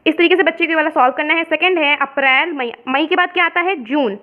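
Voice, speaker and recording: Woman teacher from India, explains step by step, high voice, muffled lo-fi audio. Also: fast. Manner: explains step by step, mixing in English words. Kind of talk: worksheet explanation lesson. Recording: dull lo-fi sound.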